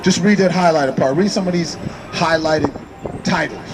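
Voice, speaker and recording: A man's voice: on the high side, normal speed, loud music behind the voice. A man preaching on a city street at night, fiery and slangy, calling for responses from his listeners. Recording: noisy street crowd.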